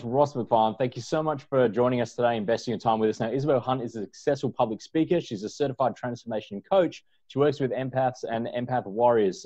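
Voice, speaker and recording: A man's voice: medium pitch, mellow, lo-fi sound. A man hosting a business podcast, upbeat and chatty as he welcomes listeners and his guest. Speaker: podcast host. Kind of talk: casual interview chat.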